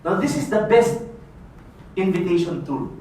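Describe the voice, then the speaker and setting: A man's voice: high voice, big pitch swings, normal speed, dark tone. A man from the Philippines giving a playful motivational seminar talk, often asking the audience "no?" and laughing. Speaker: network marketing speaker. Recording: echoey room, voice from far off, faint hiss.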